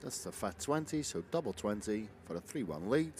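A man's voice: fairly low pitch, big pitch swings, moderate pace, a little mellow. A man giving chatty live commentary on darts as one of two commentators. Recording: faint venue noise behind.

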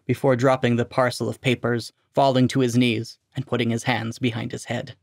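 A man reads a short story aloud in a steady, even delivery at a middling pitch for a man. His voice has a gravelly, fry-edged texture, and the sound is dry and close, with almost no room in it. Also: a little fast, no room sound. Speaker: narrator, story reader. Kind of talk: scripted narration of a short story.

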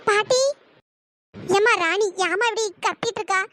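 A performer voicing a gentle, remorseful old grandmother in a cartoon, speaking softly and tearfully. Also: extremely high pitch, normal speed, no echo, studio quality. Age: older. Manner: soft-spoken, tearful.

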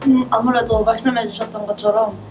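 A woman in her twenties chatting casually and politely as an interview guest, quick to giggle. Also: fairly high pitch, fairly even intonation. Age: 20s. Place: indoor rehearsal room with drum kit. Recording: distant mic, music behind.

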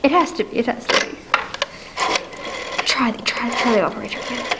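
In a clearly noisy amateur recording on a dark indoor stage, a young woman acts in a radio-play adaptation as an imperious, nervous invalid wife phoning in a frantic 1940s-style melodrama. Her slightly high voice runs a bit fast, stammering and breathless, panicky and despairing.

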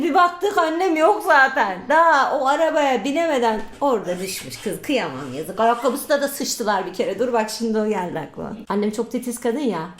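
A woman with a fairly high voice tells funny stories in a relaxed, chatty vlog. She talks crudely and laughs a lot. The sound carries a roomy echo. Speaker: vlogger. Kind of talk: casual storytelling vlog.

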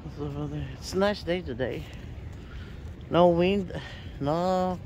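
A woman's voice: fairly low pitch, darkish tone, dull audio, a little hiss or hum. A woman filming a fishing trip on a seaside pier with a phone, narrating casually and laughing often. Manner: chatty, laughs often, slow and simple phrasing. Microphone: handheld phone camera.

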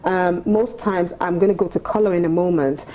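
A woman's voice: lowish voice, fairly even intonation, fairly quick, dull audio. A Nigerian-accented woman in her thirties explaining things as an etiquette coach on TV, with prim, precise, instructive enunciation. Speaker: etiquette coach, studio guest. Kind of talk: explanatory talk on a TV morning show. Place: TV studio on a sofa set.

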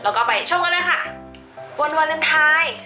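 A woman's voice: high voice, brisk, over music. A woman beauty vlogger chatting playfully through a makeup tutorial, dropping English product terms into her talk. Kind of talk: casual makeup tutorial chat.

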